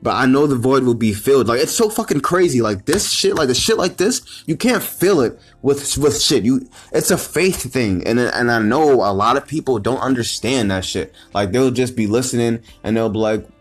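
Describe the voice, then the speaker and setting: A man delivering a heated, unscripted motivational rant. He swears constantly, repeats himself and restarts his sentences, and builds to loud, emphatic bursts. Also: mid-range voice, animated, moderate pace, few pauses, soft background music. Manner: profane, repetitive and rambling, with frequent restarts. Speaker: motivational vlogger.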